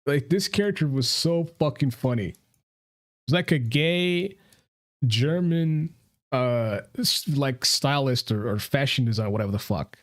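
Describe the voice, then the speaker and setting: A man's voice: medium pitch, expressive, unhurried. Profane ranting man, podcast co-host. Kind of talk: casual live podcast chat.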